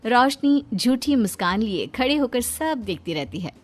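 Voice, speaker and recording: A woman narrating a scripted cartoon story with expressive storytelling. Her voice sits fairly high and rises and falls in a lively way, with faint music playing underneath. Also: moderate pace.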